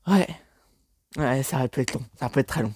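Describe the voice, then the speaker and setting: A man's voice: medium pitch, lively intonation, quick pace, darkish tone, no room sound, clean studio sound. A tired young man commentating his gameplay casually, rambling, stammering and swearing as he plays. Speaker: gaming YouTuber.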